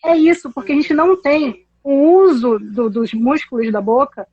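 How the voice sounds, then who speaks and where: A woman, an English teacher explaining pronunciation in a casual chat, animated and laughing often. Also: sits high, normal speed, dull audio.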